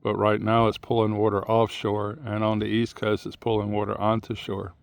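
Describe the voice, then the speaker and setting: Creaky-voiced man musing as he walks outdoors. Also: lowish voice, monotone, moderate pace, no echo. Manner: musing, plain-spoken, drifting between thoughts. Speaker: vlogger. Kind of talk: rambling outdoor monologue while walking. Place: outdoors on a muddy tidal shore.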